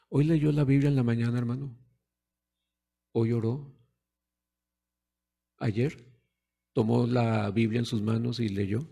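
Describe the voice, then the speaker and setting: Gravelly preacher. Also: male voice, medium pitch, mellow. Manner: conversational, asks the congregation rhetorical questions; acts out quoted voices of parents and children. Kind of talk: sermon.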